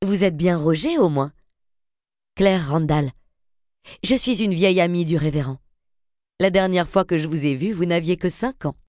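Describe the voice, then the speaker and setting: A woman's voice: on the low side, normal speed, long pauses, a little mellow, no echo, clean studio sound, lightly acted. A woman reading an audiobook, voicing a confident, friendly woman in her forties. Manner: poised, friendly.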